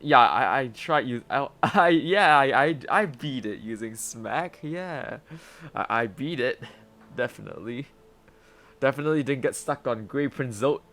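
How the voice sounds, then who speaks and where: A man's voice: medium pitch, animated, measured pace, fairly bright tone. A young man, rambling and laughing through casual gaming commentary as a streamer, with lots of stammered restarts.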